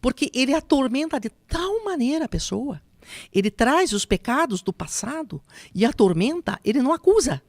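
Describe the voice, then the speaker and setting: A woman telling an emotional personal testimony, slipping into soft whispers and a preaching tone. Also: sits high, big pitch swings, normal speed, no echo, clean studio sound. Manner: emotional, drops to soft whispers when recounting quotes; preaching tone on spiritual points. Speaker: guest giving testimony.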